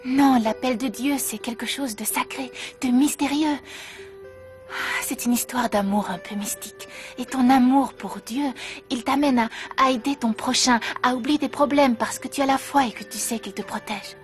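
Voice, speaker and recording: Woman dubbing a soft reassuring kindly woman, fairly high voice, faint music. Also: normal speed, close to an everyday voice. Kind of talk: French dub of a telenovela.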